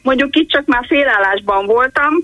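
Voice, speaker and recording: A woman's voice: high-pitched, dry recording, highs cut off. An older woman, a retired teacher, calling in to a radio show and telling long, digressive stories with many restarts. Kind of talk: call-in radio chat.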